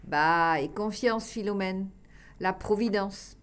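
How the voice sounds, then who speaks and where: A woman's voice: medium pitch, takes it slowly, clean tone. Woman voicing Marius, a wise old mullet fish. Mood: reassuring. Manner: gentle, reassuring. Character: plump wise male mullet fish, reassuring.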